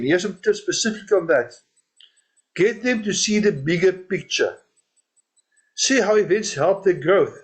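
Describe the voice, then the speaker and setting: A man giving an informal training talk who repeats his points and laughs at his own jokes. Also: sits high. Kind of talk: training talk on network marketing events.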